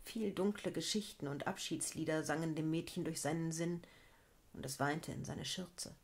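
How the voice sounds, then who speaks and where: A woman storyteller calmly narrating a fairy tale for children and adults. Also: low-pitched. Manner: calm, measured telling.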